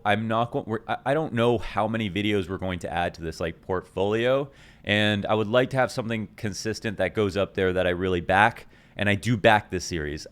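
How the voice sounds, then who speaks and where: A man's voice: lowish voice, clean tone. A man who coaches esports, chatting casually and enthusiastically to his channel's viewers, rambling and correcting himself as he goes. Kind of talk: casual talk to camera.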